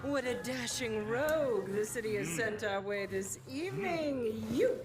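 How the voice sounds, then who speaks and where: A woman's voice: a little high, expressive, a little slow. A woman playing a flamboyant, seductive game hostess of a pleasure den, with florid, teasing, theatrical delivery. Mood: gushing, seductive. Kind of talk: theatrical game character acting. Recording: loud music under the voice.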